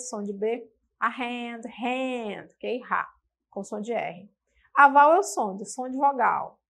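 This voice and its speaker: Brazilian woman teaching english on tv, kinda high voice, goes real slow and repeats words. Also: a bit bright. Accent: Brazilian Portuguese. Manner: slow, patient, repeats example words aloud; checks in with tag questions. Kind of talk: televised classroom lesson.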